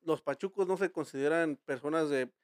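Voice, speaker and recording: A man's voice: on the high side, fairly quick, dry recording, studio quality. A Mexican man hosting a casual podcast chat, telling rambling, slang-filled stories with many restarts. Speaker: podcast host.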